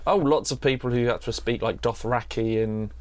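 A man's voice: medium pitch, moderate pace, a little mellow, a little hiss or hum. A man co-hosting a casual podcast, teasing and joking with the guest. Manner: playful, teasing jokes. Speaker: podcast co-host.

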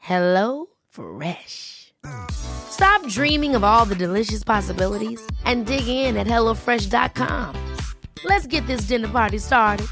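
A woman's voice: fairly high pitch, animated, measured pace, music in the background. A woman reading a radio advert in a sassy, playful way.

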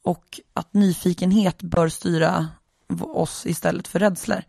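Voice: mid-range voice, steady tone, creaky, warm tone, dry recording, studio quality. A tired podcast host, lying alone in bed, talking through a reflective, rambling solo monologue with many hesitations.

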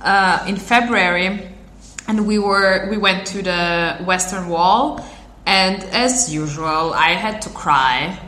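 A young adult woman in casual chat, talking loosely with pauses and restarts and some swearing. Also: mid-range voice, pushed and bright. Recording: echoey room, faint background noise.

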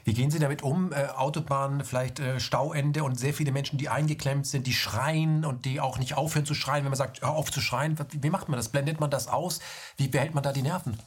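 A man's voice: medium pitch, fairly even intonation, fairly quick, breathy edge. A man interviewing a doctor, asking probing, thoughtful questions.

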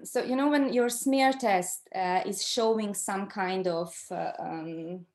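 Speaking with a mid-range, somewhat dark voice and a Croatian accent, a middle-aged woman from Croatia shares her personal experience as a guest in an interview. Her tone is conversational, and she stops at times to search for words in a language that isn't her first.

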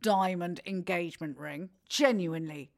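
A woman's voice: fairly low pitch, moderate pace. A middle-aged woman, hosting a podcast and telling gossipy stories in a chatty way. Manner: chatty, gossipy storytelling with laughs. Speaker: podcast host. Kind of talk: casual chat.

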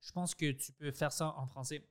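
A man's voice: fairly high pitch, moderate pace. A man speaking French with an English accent, a podcast host chatting animatedly and acting out what others said. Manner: animated, acts out quoted dialogue, mixes in English words. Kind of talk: casual conversation.

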